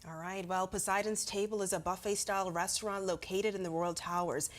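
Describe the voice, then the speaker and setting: A woman's voice: medium pitch, steady tone, a little fast. A woman news anchor presenting scripted television news.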